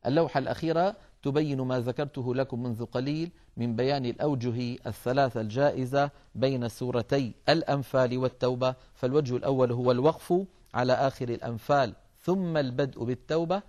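Man, recitation teacher, recorded lesson, measured explanation, drawn-out "aah" fillers. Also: medium pitch, fairly even intonation, a little mellow. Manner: measured explanatory delivery, addresses listeners as brothers; fills pauses with drawn-out "aah".

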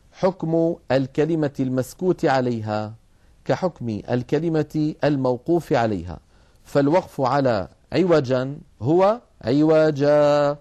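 Man, teacher, mellow dark voice, mid pitch, measured explanatory delivery, broadcast recitation lesson. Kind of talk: televised lesson on Quranic recitation rules.

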